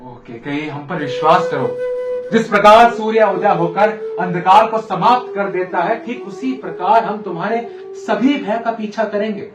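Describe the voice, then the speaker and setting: A man playing a lovesick, anguished emperor in a Ramayana stage monologue, declaiming grandly to his sulking queen and swinging between hushed and loud delivery. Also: sits high, normal speed, highs cut off, over music, close to an everyday voice. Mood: imploring, devoted. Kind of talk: theatrical Hindi stage monologue from a Ramayana play. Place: theatre stage, with music behind the voice. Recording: echoey theatre hall, distant mic.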